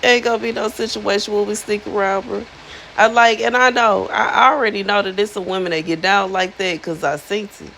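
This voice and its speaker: A woman's voice: mid-range voice, fairly even intonation, a little fast, vocal fry, a bit bright, slight background noise, rough recording. A woman in her thirties giving a casual, chatty monologue to her viewers, slangy and emphatic, often repeating herself for effect. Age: 30s. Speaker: spiritual influencer.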